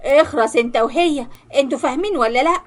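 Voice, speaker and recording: A woman's voice: sits high, fast talker, close to an everyday voice. Woman doing a blustering, short-tempered husband. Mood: furious. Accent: Egyptian. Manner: barking, blustering. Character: angry middle-aged husband, short-tempered.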